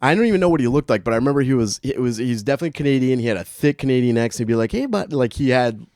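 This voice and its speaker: A man's voice: medium pitch, racing, a little mellow, dry recording. A young man co-hosting a podcast, chatting casually, rambling and swearing, often trailing off mid-sentence. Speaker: podcast co-host. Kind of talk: casual chat.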